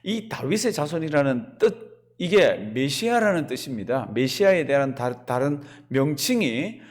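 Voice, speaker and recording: A man preaching in a church, his pitch sitting a little high and swinging widely. He keeps throwing rhetorical questions at the congregation and answers them himself. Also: unhurried. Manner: animated preaching with rhetorical questions and acted quotes. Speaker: pastor. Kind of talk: sermon. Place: church sanctuary.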